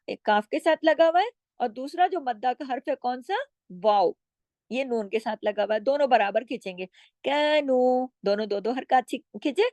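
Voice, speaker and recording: A woman teaching Quran recitation rules. She explains patiently, stretches each example word out slowly, and often checks in with her listeners. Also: fairly high pitch, darkish tone, no room sound. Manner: draws out words slowly when demonstrating. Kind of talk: recitation lesson with slow demonstrations.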